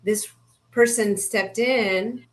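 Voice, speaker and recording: A woman horse coach with a middle-pitched voice talks in a relaxed interview. She explains her ideas earnestly and keeps chiming in to agree. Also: drawn-out words. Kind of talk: casual interview conversation.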